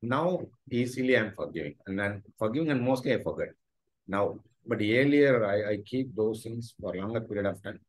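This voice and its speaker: A man's voice: on the low side, animated, normal speed, rough recording. A man in his forties with a Tamil accent, answering interview questions informally on a video call. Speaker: interview guest, professor. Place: small furnished room at home, video call. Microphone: video call device microphone.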